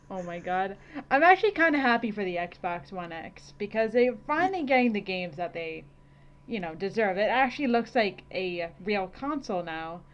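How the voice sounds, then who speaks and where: A woman co-hosting a podcast in casual chat, animated and laughing often. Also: medium pitch, moderate pace. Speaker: podcast co-host. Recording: dull lo-fi recording.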